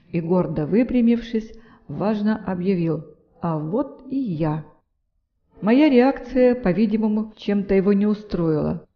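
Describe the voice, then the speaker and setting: A woman narrating a nonfiction book in a measured, even reading. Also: medium pitch, dull audio. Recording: long hall reverb.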